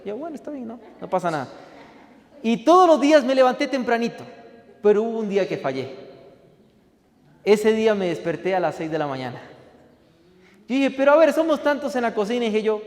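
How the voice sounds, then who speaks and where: A young man from Costa Rica telling his own story as a guest preacher, acting out the other people's voices as he goes and sometimes rising to a shout. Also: sits high, long reverb tail. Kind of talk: sermon testimony.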